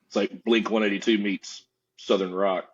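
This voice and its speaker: Podcast guest, man, very low and husky voice, easygoing delivery, muffled lo-fi recording. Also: moderate pace. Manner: relaxed, easygoing, lots of "you know". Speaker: festival co-owner, guest. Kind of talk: casual interview chat.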